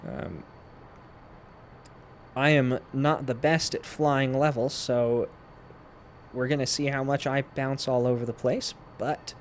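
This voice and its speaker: A man's voice: mid-range voice, slow pace, pauses often, a little hiss or hum. A man giving casual, step-by-step instructional commentary while he plays a flight simulator. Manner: explains step by step while playing. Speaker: flight sim tutorial presenter.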